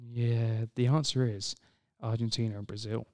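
A man co-hosting a casual podcast, reading out quiz questions with jokes and playful pauses. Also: mid-range voice, flat delivery, a little mellow. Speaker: podcast co-host and quizmaster. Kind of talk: casual chat.

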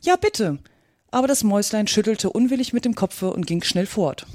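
A woman reading a classic storybook aloud, measured and expressive. Her pitch is in a middle range. The recording is dry and close to the mic. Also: no room sound. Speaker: audiobook narrator. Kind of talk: storybook narration.

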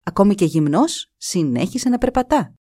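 A woman narrating a folk tale in an expressive, measured way. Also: medium pitch, no room sound, studio quality. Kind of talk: storytelling.

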